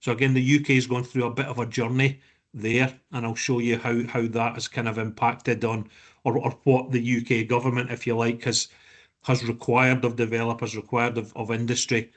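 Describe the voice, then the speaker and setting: A man's voice: mid-range voice, level tone, normal speed. Man with a broad Scottish accent. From Scotland. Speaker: guest presenter. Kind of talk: informal webinar presentation. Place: online video call.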